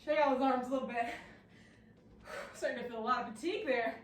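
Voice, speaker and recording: A woman's voice: a little high, fast, a little hiss or hum. A woman fitness coach leading a workout while doing it herself, out of breath and encouraging. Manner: encouraging, breathless between exercises. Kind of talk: workout instruction. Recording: roomy sound from a distance.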